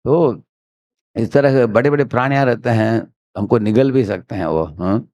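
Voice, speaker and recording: Male preacher, mid-pitched, animated storyteller who checks in with his listeners; dry, close recording. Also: normal speed, no echo, dull audio. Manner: keeps asking "haan?" to the listeners; animated storyteller, acts out quotes. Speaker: preacher giving a spiritual discourse. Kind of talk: Hindi sermon with a story. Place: temple hall.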